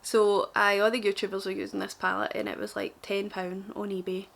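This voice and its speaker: A woman's voice: medium pitch, level tone, a little fast, vocal fry, a bit bright. A young woman with a broad, strong Glaswegian Scottish accent, chatting casually and self-deprecatingly to camera in an informal, rambling makeup tutorial. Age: young adult. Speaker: beauty vlogger.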